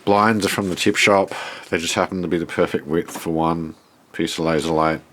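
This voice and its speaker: Man, Australian accent, low-pitched, congested nose, laid-back, thinking aloud, casual video walk-through. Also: little pitch movement, normal speed, a bit bright. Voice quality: stuffed-up, nasal from a blocked nose. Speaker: vlogger showing a self-built shed.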